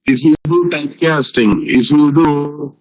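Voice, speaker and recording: A man's voice: fairly high pitch, steady tone, measured pace, rough recording. A man with an Indian Telugu accent giving a live online programming lecture as a teacher, repeating phrases and often checking with students through questions.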